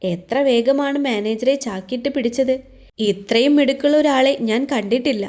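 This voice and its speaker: A woman's voice: on the high side, normal speed, darkish tone, lightly acted. A woman voicing a spiteful female team leader who taunts a coworker in a mocking tone.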